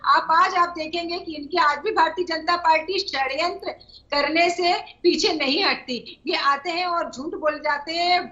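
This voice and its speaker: A woman argues in a heated televised debate, stacking one accusation on the next. Her voice sits very high and rings bright and sharp. The remote audio feed sounds a little dull and muffled. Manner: combative, rapid-fire accusations. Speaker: political party spokesperson.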